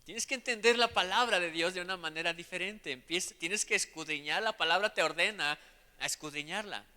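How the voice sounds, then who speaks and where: A man preaching a sermon as pastor, swelling into loud passages full of questions to the congregation and then dropping to soft asides. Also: high voice, a little fast. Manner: drops to a soft aside tone between shouted passages. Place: church sanctuary. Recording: long church hall reverb.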